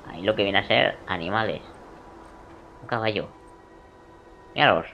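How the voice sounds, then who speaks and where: A man, doing let's play commentary over a video game, jokey and swearing, muttering then suddenly shouting. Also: fairly low pitch, dull audio, slight background noise. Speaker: gaming video creator.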